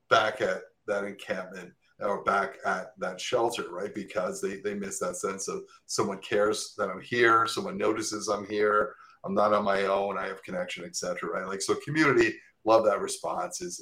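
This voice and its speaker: Low-voiced podcast host man. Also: fairly bright tone. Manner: affirming, tag questions like "right?". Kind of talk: conversational interview.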